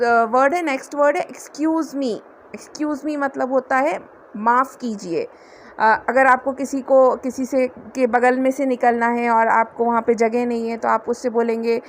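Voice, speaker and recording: Woman tutor, high voice, patient step-by-step explainer, light background hiss. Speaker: English tutor. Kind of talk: spoken English lesson.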